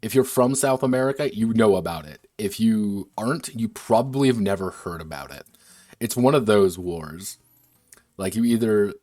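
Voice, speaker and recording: A man's voice: fairly low pitch, a little mellow, no room sound. A man who designs games, chatting casually on a livestream at his desk, wandering between asides and restarting his sentences. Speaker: game designer streaming a workshop.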